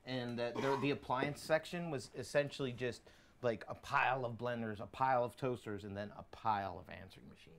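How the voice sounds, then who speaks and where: A man's voice: medium pitch, brisk. A young man chatting casually with friends in a small room, picked up by a camera mic. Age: young adult. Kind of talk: casual chat among friends. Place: small cluttered living room indoors. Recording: faint room noise.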